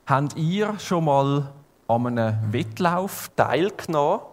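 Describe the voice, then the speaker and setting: A male preacher with a Swiss German accent delivers his sermon at an unhurried pace, calm and measured. He paints scenes vividly for his congregation. His voice rings out with the long reverb of a church hall. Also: on the high side.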